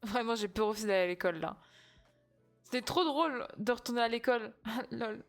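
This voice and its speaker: A young woman streaming a game, chatting excitably and talking over herself, with game music in the background. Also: on the high side, a little fast. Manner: excitable, chatty, many restarts and gasps. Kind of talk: casual gaming stream chat.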